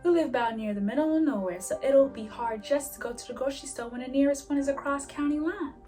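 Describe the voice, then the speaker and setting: A woman's voice: high voice, quick pace, dark tone, faint music behind, lightly acted. A woman playing a folksy rural southern male farmer who drawls and calls people honey and baby. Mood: worried.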